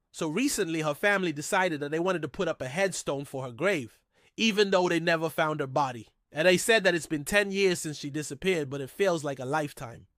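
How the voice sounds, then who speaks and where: A man with a fairly high, bright voice hosts a mystery storytelling channel, talking in a casual, musing way and often asking rhetorical questions. The studio recording is clean, with no echo.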